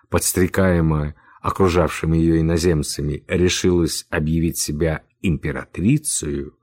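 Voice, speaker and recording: Low-voiced man reading an old novel. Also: a little mellow, slightly rough, no echo. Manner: dramatic reading, rising for the characters' outcries. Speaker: narrator. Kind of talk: audiobook narration of a historical novel.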